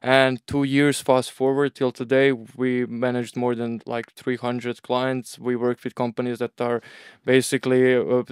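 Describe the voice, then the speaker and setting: Unhurried and clear, this interview guest from Croatia has a resonant, medium-pitched voice and a Croatian accent. The young agency owner talks loosely and casually, leaning on "bro" and "like," in a studio-quality recording free of echo.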